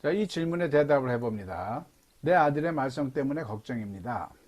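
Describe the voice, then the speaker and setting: Lively husky-voiced man teaching. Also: a little fast. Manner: explains step by step, lively pitch. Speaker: English teacher. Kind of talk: Zoom lecture. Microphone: video call.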